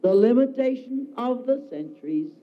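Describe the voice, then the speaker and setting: A man giving a solemn devotional address, declaiming slowly with emphatic repetition, heard on a dull lo-fi recording. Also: very high-pitched, expressive. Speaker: spiritual speaker.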